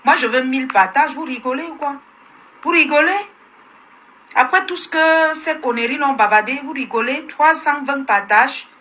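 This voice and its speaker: A Cameroonian woman hosts a phone live stream and rants at her audience. Her voice is high and sharp, with a tense edge. She scolds and fights back, circling the same lines again and again. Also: normal speed. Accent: Cameroonian French. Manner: combative, scolding, repeats herself. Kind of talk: heated live-stream rant.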